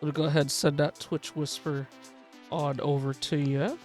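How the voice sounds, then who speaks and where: A woman hosting a live gaming stream, excitedly calling a race like a sportscaster for her viewers. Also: deep voice, moderate pace, soft background music. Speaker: livestream host.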